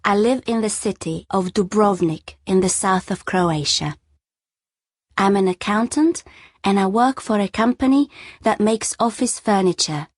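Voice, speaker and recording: A woman's voice: mid-range voice, no room sound, studio quality. A woman in her thirties reading a scripted self-introduction for an English lesson. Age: 30s.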